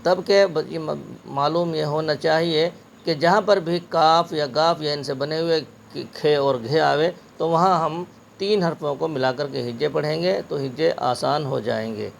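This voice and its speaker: A man teaching a spelling lesson, with a gravelly, fairly high voice. He drills words slowly, letter by letter. A faint hiss runs under the recording. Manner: slow, syllable-by-syllable spelling drills.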